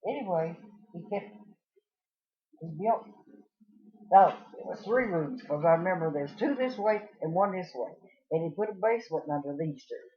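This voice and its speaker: An elderly woman with an Appalachian accent reminiscing casually about family history, in a folksy, halting way. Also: on the low side, animated. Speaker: interviewee recalling family history. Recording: dull lo-fi home recording.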